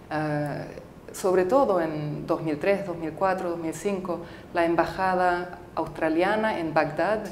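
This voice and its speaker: Recorded with a slight hiss or hum in a spacious studio, this low-voiced filmmaker answers interview questions casually. English is her first language; her tone is darkish, and she comes across as thoughtful yet halting, often using fillers and restarting sentences.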